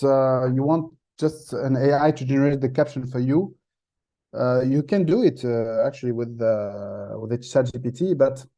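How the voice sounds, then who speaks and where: A man giving an online masterclass over a video call, talking haltingly with many fillers and restarts and loose phrasing. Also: medium pitch, mellow. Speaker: masterclass instructor. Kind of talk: online workshop talk.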